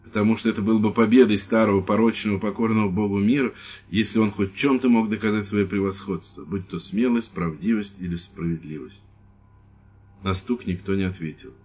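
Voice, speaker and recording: A man reading an audiobook chapter in measured scripted narration. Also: lowish voice, darkish tone, breathy edge.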